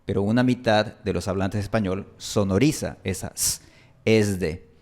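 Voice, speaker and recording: A man with an Ecuadorian highland Spanish accent teaching a language lesson, deliberately spelling out and repeating sample words. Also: a little mellow.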